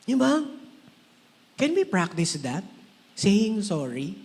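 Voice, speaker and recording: A man preaching a sermon in a relaxed, conversational way, now and then acting out the voices of the people he quotes. His voice sits fairly high. The room gives it a long, ringing reverb. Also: takes it slowly, creaky, husky. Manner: conversational, mixes English phrases, acts out quoted voices. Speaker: pastor.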